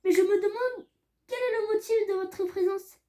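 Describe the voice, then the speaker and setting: A woman's voice: extremely high pitch, steady tone, moderate pace, warm tone. A woman reading a hesitant, polite schoolboy. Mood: uneasy. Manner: hesitant, apologetic. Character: polite, uneasy young schoolboy wizard. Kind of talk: audiobook reading.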